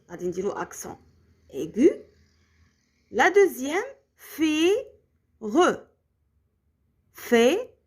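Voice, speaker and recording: A woman teacher with a Moroccan accent gives a French grammar lesson to children. Her voice sits high and swings widely as she spells things out slowly. She keeps stopping to check that her pupils follow. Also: a little mellow, breathy edge. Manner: slow, carefully spelled-out explanations with frequent comprehension checks.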